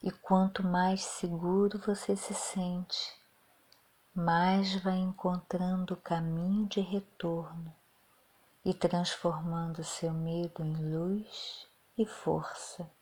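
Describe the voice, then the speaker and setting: Slow and drawn-out, a woman's soft, soothing voice guides a meditation in a level tone. She speaks a little low in pitch and frequently drops to breathy half-whispers.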